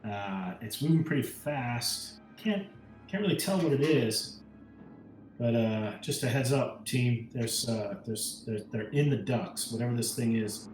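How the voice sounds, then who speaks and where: Animated yet unhurried, a man with a mid-range, darkish voice plays his tabletop roleplaying character, hesitantly thinking things through in a casual way. Music sits beneath the echoey room sound.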